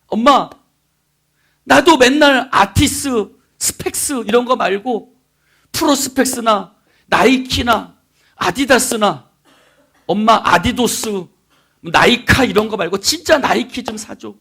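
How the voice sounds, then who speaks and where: A man's voice: very high-pitched, takes it slowly, sharp tone, husky, pitched above the performer's own voice, exaggerated voice. A man playing a stubborn young boy who whines and pleads for new sneakers. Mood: whining. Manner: whining, pleading.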